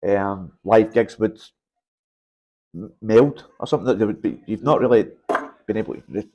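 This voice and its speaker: A Scottish man hosting a casual podcast chat, speaking haltingly and often repeating words as he goes. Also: lowish voice, darkish tone, lo-fi sound. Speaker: podcast host, show promoter.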